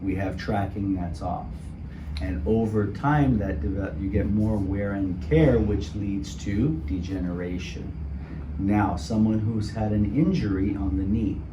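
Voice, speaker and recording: Low-voiced chiropractor explaining calmly. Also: male voice, unhurried, lo-fi sound, background noise. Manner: calm, instructive, names body parts step by step. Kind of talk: explaining to a patient during treatment. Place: small clinic treatment room. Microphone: camera in the room.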